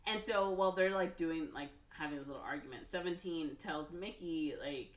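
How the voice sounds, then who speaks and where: A woman hosting a podcast and recapping a movie in casual chat. She tells it with animation, says "like" a lot and slips into quick acted quotes. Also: low-pitched. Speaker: podcast host. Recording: roomy, from a distance off the mic.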